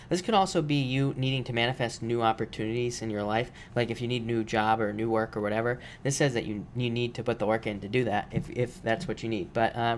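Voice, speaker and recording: A man with a mid-pitched voice, roughened by allergies, reads tarot for viewers on a live stream. He talks loosely and repetitively, leaning on fillers as he goes from card to card, with a faint hiss under the recording.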